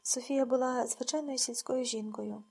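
A woman narrating a novel as an audiobook in a quiet, restrained reading that sinks to a hush. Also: a little high, fairly even intonation, normal speed, creaky, husky. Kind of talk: scripted narration.

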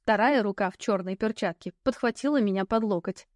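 A woman narrating a fantasy audiobook in the first person, with lively, ironic storytelling. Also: medium pitch, fairly quick, no room sound, studio quality.

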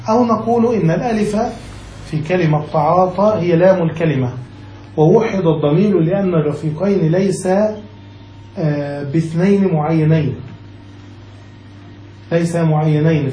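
Man teaching Arabic grammar, dark echo. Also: fairly high pitch, normal speed, long pauses, a little hiss or hum. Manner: reads text then explains, checks students with "got it?". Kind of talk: classical text lesson.

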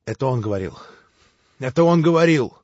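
A man voicing a feverish, tormented young man who talks himself into agitated shouting, on a dull, dry lo-fi recording. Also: medium pitch, lively intonation, unhurried, no echo. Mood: brooding.

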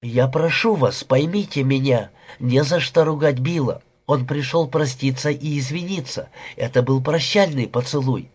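A man voicing a nineteen-year-old young wife who pleads and defends herself, speaking softly in an audiobook reading. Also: medium pitch, moderate pace, few pauses, close to an everyday voice. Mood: pleading.

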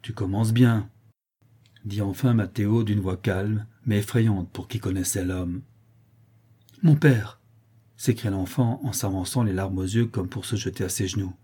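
A man narrating a classic tale in a measured, storytelling way. His voice sits a little low, with a mellow, dark timbre and a husky edge. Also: fairly even intonation. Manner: measured storytelling, voicing characters in dialogue. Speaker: audiobook narrator.

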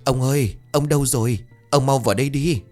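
A man's voice: lowish voice, lively intonation, fairly quick, darkish tone, soft background music, lightly acted. A man voicing an anxious middle-aged village mother, pleading and tearful. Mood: frantic.

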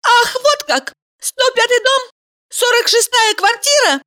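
A woman voicing an emotional, excitable young woman who pleads in shrill, breathless cries. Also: unhurried, full character voice. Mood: angry.

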